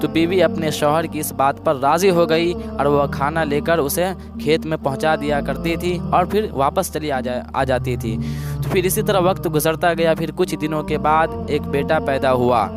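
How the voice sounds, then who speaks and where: A man's voice: fairly high pitch, normal speed. A man preaching a sermon, retelling a moral story in plain words and repeating phrases for emphasis. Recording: background music under the voice. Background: music.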